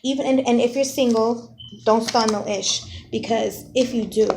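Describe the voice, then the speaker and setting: A woman's voice: a little high, steady tone, normal speed, background noise. A woman doing a casual tarot reading for her viewers. She is chatty and direct, uses playful slang, and keeps checking in with "okay?". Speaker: tarot reader.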